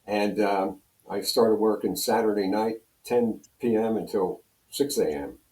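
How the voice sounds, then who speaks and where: Unhurried and warm, the lowish voice of an older Pennsylvanian tells meandering radio stories as an interview guest, acting out lines of dialogue in a casual, conversational way. The sound is roomy and echoey.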